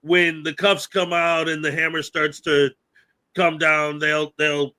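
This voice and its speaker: Guy hosting a podcast, kinda high voice, rambly and laughing a lot. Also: level tone, slow, pushed and bright. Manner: rambling, frequent laughter and fillers. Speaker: podcast host. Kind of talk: casual chat.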